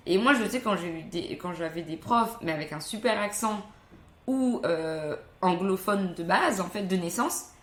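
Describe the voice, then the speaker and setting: A woman's voice: medium pitch, animated, moderate pace, fairly bright tone. A woman hosting a casual podcast interview, chatty and thinking aloud with many fillers. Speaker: podcast host. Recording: roomy room sound.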